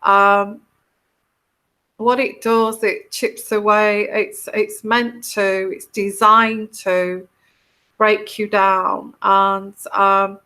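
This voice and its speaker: A woman's voice: mid-range voice, flat delivery, extremely slow, bright, forceful tone, smooth. An English woman hosting a casual live-stream chat as a tarot reader, talking in a rambling, reflective way, run down and tired. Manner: rambling, reflective, often trailing off.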